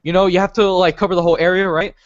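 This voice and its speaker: A man's voice: sits high, little pitch movement, very fast, dry recording, highs cut off. A man co-hosting a casual gaming podcast, talking hesitantly with many fillers and restarts. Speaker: podcast co-host.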